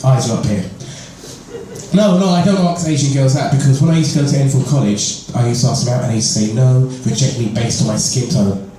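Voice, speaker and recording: A man's voice: mid-range voice, fast, dark tone, slight background noise. A man with a London accent performing a conversational stand-up set, often laughing at his own jokes. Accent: London English. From London, England. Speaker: stand-up comedian. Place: comedy club stage. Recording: far from mic, roomy echo, faint club ambience.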